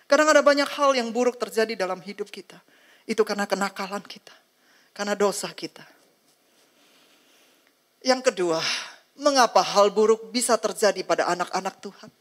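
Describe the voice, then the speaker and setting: Woman pastor, mid-pitched, dramatic sermon delivery, acts out dialogues, calls for amen.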